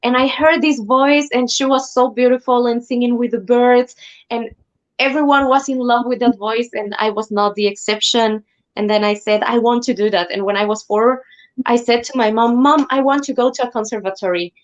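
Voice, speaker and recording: Interview guest: woman from Ecuador, higher voice, earnest and enthusiastic, dull lo-fi call audio. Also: steady tone, normal speed. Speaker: guest singer. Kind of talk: live stream interview.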